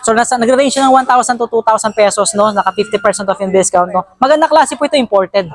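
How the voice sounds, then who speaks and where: An upbeat Filipino woman with a high voice and quick pace tours a large indoor warehouse store during a sale for her vlog. She chats constantly and leans on frequent tag questions.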